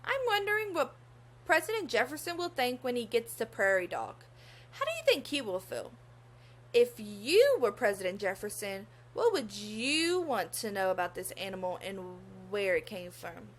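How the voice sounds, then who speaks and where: This young woman reads a children's tale expressively in a sing-song, mid-range voice. Her manner is that of a teacher, pausing to ask her young listeners questions.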